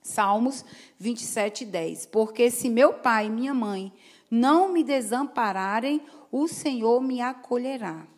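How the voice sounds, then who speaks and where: Her voice is on the high side and a little slow. She's a pastor preaching to her congregation in church, using call-and-response with "Amém?" and sharing folksy, chatty stories full of asides.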